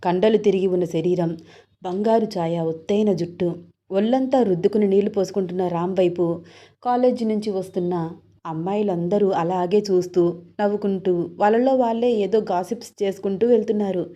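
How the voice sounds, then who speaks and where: Mellow-voiced woman storyteller. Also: medium pitch, fairly even intonation, fairly quick. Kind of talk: scripted story narration.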